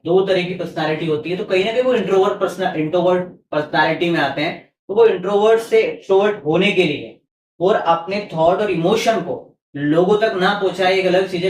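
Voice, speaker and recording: A man hosting a podcast, posing long, carefully framed questions in a calm, unhurried way. His fairly high voice comes from a little distance off the mic, with a roomy echo around it. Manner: calm, asks long framing questions, frequent murmured agreement. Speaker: podcast host, trainer. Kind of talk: podcast interview.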